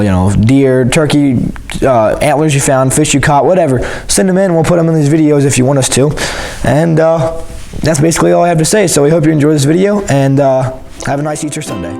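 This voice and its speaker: A man with a hoarse, nearly lost voice, casually addressing viewers as a video host. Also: medium pitch, darkish tone. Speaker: host of a hunting video channel.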